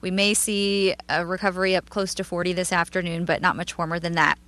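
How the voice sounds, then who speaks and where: A woman's voice: lowish voice, level tone, brisk, fairly bright tone. An American woman working as a meteorologist, giving a conversational weather report on the radio.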